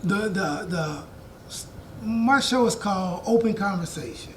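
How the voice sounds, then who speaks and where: A man in his fifties hosting a podcast, telling stories in a relaxed way and acting out the dialogue. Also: high voice, a little slow, slight background noise. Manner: storytelling, acts out quoted dialogue, relaxed. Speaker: podcast host. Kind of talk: conversational podcast interview.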